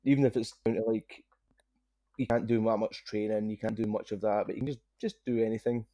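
A man's voice: on the low side, fairly even intonation, fairly quick, warm tone. A man with a broad Scottish accent, chatting casually as a podcast guest and taking care to enunciate his words. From Scotland. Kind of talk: casual conversation.

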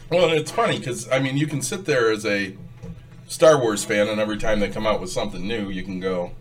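A man's voice: on the low side, a little fast. A man co-hosting a casual podcast, rambling and laughing often. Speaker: podcast co-host.

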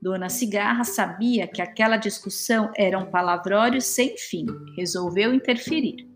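A woman's voice: mid-range voice, normal speed, faint music behind. Woman reading a kids story. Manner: expressive, steady storytelling. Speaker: narrator.

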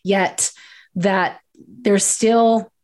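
A woman hosting a conversational interview. She is warm and affirming, building her questions out loud with restarts and a gentle pace. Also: mid-range voice, steady tone, drawn-out words. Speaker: host.

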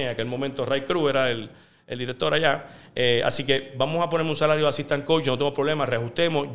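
A man from Puerto Rico, a sports journalist guest, telling lively career anecdotes in a casual interview. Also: medium pitch. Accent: neutral Spanish.

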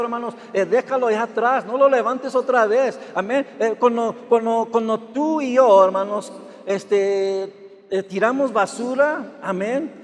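High-voiced male pastor preaching in a hall. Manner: repeats amen and hermanos constantly, with restarts; acts out whiny complaints in a raised voice. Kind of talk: sermon. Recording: long hall reverb.

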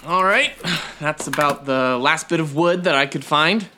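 A man's voice: on the high side, normal speed, bright, forceful tone, slight background noise. A young man playing an eager teenage boy who loves creepy things in a naturalistic drama. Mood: enthusiastic.

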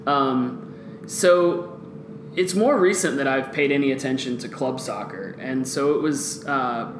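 Relaxed man telling sports stories. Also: mid-range voice, a little slow. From Guatemala. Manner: relaxed storyteller, many fillers like "um". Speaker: podcast guest. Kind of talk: casual podcast chat. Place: office boardroom. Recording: echoey room with background noise.

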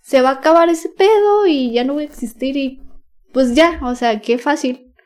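A woman's voice: high voice, expressive, normal speed, a little mellow. A young woman with a Mexican accent, a podcast guest telling a personal story frankly and casually, full of slang and fillers. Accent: Mexican Spanish. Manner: slangy, frank, with many fillers and nervous laughs.

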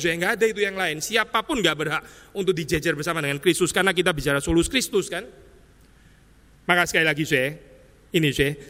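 A man preaching a sermon with a fairly high, bright, forceful voice. He talks in a chatty way, dotting his lines with tag words and English terms. The sound carries a long church-hall reverb. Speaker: pastor. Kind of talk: expository sermon.

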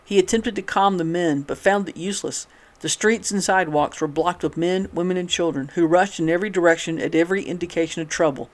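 A man reading an old newspaper article aloud in a steady, measured way, with occasional restarts. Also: high-pitched. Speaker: reader of a historical newspaper.

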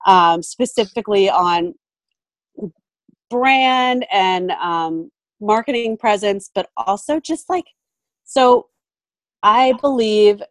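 A woman's voice: medium pitch, no room sound. A woman photographer and mentor chatting casually in an interview, thoughtful, with frequent ums and restarts. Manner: thoughtful, many fillers and restarts. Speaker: photographer and mentor, podcast guest.

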